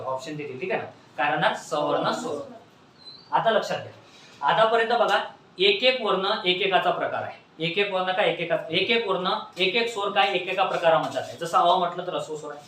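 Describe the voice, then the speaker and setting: Fast-talking male teacher, echoey classroom. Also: a little high, pushed and bright, far from the mic, slight background noise. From Maharashtra, India. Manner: repetitive questioning, prompts students to answer back. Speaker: Marathi grammar teacher. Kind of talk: classroom lecture with call-and-response.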